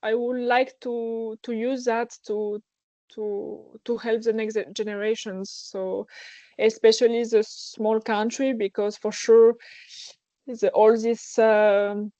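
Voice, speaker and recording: A young French woman, a guest athlete in a casual interview, speaks hesitantly in her second language with a French accent, searching for words through many false starts. Her voice is on the high side and warm, with a flat delivery at a slow pace. The recording is muffled, with no echo.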